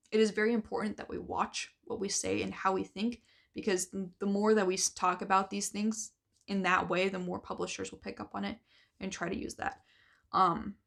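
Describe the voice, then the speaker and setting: A woman's voice: mid-range voice, vocal fry, fairly bright tone. A young woman author talking earnestly in a casual vlog, rambling with many fillers and losing her voice. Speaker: author and vlogger.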